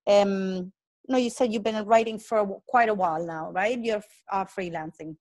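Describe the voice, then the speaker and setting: A woman's voice: medium pitch, moderate pace, a little mellow. A woman hosting a podcast, chatting upbeat with her guest and often restarting her sentences. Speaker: podcast host. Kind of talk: casual interview.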